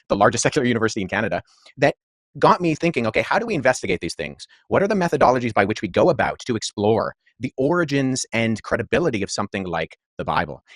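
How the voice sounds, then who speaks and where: A man in his thirties, a historian guest in a podcast debate, speaking in an articulate, measured way with many asides. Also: mid-range voice, no echo, studio quality. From Pakistan-born, raised abroad.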